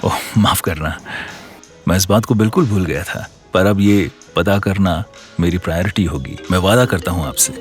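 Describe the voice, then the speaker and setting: Hindi dubbing में एक आदमी निभाता शालीन पिता, जो नरमी से बात करता है। उसकी आवाज़ हल्की गहरी है और पीछे धीमा संगीत है।. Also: male voice, deep voice, moderate pace, soft background music, lightly acted. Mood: polite. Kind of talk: dubbed drama.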